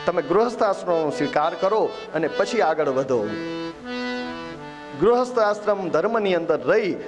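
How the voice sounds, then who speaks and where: High-voiced storyteller preacher, faint music. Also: male voice, lively intonation, moderate pace. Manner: storytelling, voicing characters in dialogue. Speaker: Bhagavat katha preacher. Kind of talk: devotional scripture storytelling sermon.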